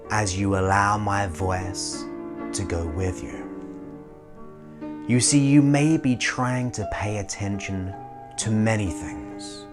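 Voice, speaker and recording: A man leading a guided hypnosis as a slow, soothing countdown, pausing between short phrases. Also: fairly low pitch. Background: music.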